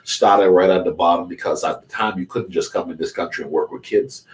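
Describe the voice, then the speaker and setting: A man's voice: sits low, a little fast, distant mic. A middle-aged man from the Bahamas speaking as a guest life coach, with an earnest, preacherly motivational delivery. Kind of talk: conversational talk show interview.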